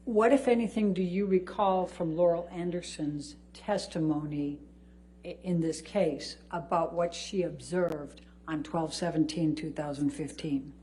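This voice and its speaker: Female attorney, lowish voice, measured formal questioning, courtroom feed with faint noise. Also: steady tone, warm tone. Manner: slow, deliberate, formal questioning. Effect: courtroom audio feed. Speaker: attorney cross-examining a witness. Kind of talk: courtroom cross-examination.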